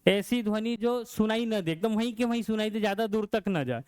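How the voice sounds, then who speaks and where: A man's voice: sits high, a little fast, a little mellow, clean tone, dry recording. A male science teacher lecturing a class, asking questions and answering them himself.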